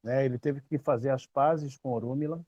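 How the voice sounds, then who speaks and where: Here a Brazilian babalawo in his fifties, with a Brazilian Portuguese accent, talks casually about his tradition at normal speed. His voice is mid-range with fairly even intonation, and he stresses things by emphatically repeating phrases. No echo is present, though the high frequencies are cut off.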